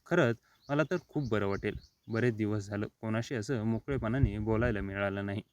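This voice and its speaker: A man voicing a lonely, gentle widowed aunt in a quiet, wistful confiding tone, in his own plain reading voice. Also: lowish voice, normal speed, lightly acted. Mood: warm.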